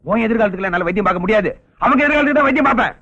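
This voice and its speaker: An actor playing a blunt village doctor who talks curtly and dismissively to a patient's son-in-law. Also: male voice, sits high, expressive, rapid-fire, sharp tone, exaggerated voice. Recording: lo-fi film soundtrack audio.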